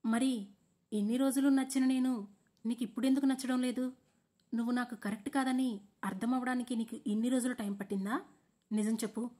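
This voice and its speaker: A woman voicing a heartbroken young fiancée who pleads and demands loudly. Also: fairly high pitch, a little fast, natural voice. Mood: distraught. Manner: pleading, rising to loud demands.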